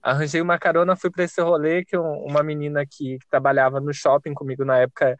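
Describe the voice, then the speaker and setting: A young man with a Brazilian Portuguese accent, hosting a podcast and telling a lively, self-mocking story with casual swearing. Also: a little high, fast talker, no echo, lo-fi sound. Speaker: podcast host.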